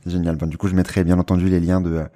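A man hosting a casual podcast interview, relaxed and friendly, pausing with fillers. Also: low voice. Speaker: podcast host.

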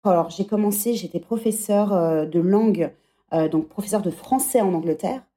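Mellow-voiced woman in her thirties, reflective. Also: medium pitch, normal speed. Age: 30s. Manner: reflective, thinking aloud. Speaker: podcast guest, former teacher. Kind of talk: conversational interview.

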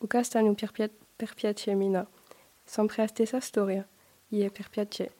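A young woman reading the lines of an elderly grandmother at bedtime, in slow, halting Corsican. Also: medium pitch, flat delivery, warm tone, slight background noise, lightly acted. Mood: tender. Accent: Corsican-language words read by a learner.

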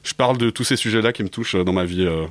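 In a studio radio interview, a twenty-something rapper guest from France, a native English speaker, answers with many fillers and hesitations. His voice is fairly low in pitch and he races through his words.

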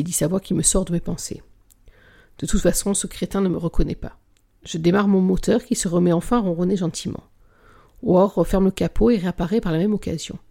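Gravelly, husky audiobook reader. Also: medium pitch, mellow. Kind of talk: reading a novel aloud.

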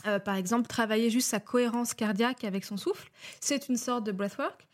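A woman's voice: on the high side, a little fast. A woman guest, a life coach, explaining at length with many hesitations, a little nervous. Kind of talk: casual interview chat.

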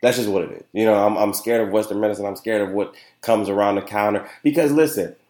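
A young man talks fast in a lowish, slightly mellow voice as the solo host of a casual podcast. He's nasal and congested, chatty and rambling, leaning on fillers and asking "you know what I'm saying" over and over. An echoey, roomy space shapes the sound.

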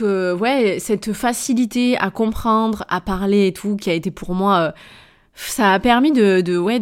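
A young woman from southern France speaks with tears close to the surface, her voice mid-pitched. She talks in a loose, halting way, full of fillers and restarts, like someone thinking aloud in a personal podcast. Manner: hesitant, many fillers and restarts. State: teary, emotional. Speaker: podcast host. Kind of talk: personal spoken diary.

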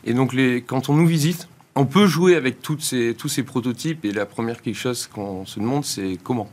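A man giving explanatory answers as an interview guest, measured and articulate, pausing between phrases. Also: mid-range voice, darkish tone. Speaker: institute director and founder, interview guest.

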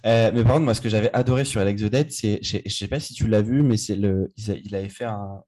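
A man's voice: on the low side, fast talker, mellow. A man co-hosting a casual music podcast, enthusiastic and rambling with frequent restarts. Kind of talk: casual chat.

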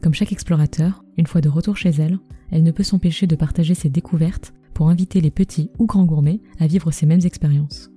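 A woman's voice: low-pitched, steady tone, a little fast, warm tone, slightly rough, faint music behind. A woman narrating a scripted story as a podcast host, speaking close and intimately into the microphone.

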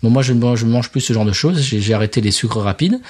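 A middle-aged man in casual podcast conversation, with a voice of ordinary pitch. He explains things at length and pauses often to find his words, keeping a friendly, talkative tone. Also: a little mellow, breathy edge. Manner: chatty, explains at length with hesitations. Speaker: podcast co-host. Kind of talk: casual chat.

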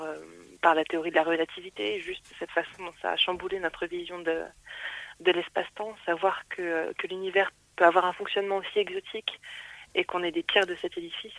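A woman's voice: fairly low pitch, a bit bright, poor audio. A woman science journalist interviewed by telephone on the radio, speaking earnestly and reflectively with some hesitations.

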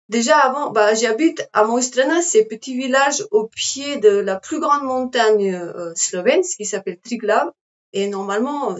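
A Slovenian woman in her forties with a Slovenian accent, chatting in a halting way with many fillers as an interview guest. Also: a little high, lo-fi sound. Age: 40s. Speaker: guest, climber. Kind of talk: casual interview chat.

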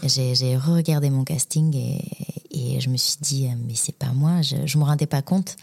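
A woman's voice: a bass voice, fairly even intonation, moderate pace, creaky, darkish tone, breathy edge. A woman with a Bulgarian accent, slightly Québécois-tinged, speaking French as a non-native in a casual interview, hesitant and full of restarts. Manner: hesitant, many restarts and fillers, laughs often. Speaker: guest, professional dancer.

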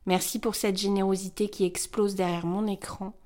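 A wistful, grateful woman of seventy-three looks back on a long working life and speaks with tender warmth, as a woman reads her letter aloud. The voice sits at a middling pitch and unfolds softly at a measured storytelling pace. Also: flat delivery, lightly acted. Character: 73-year-old woman, retired textile worker, wistful and grateful. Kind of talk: scripted narration of a letter.

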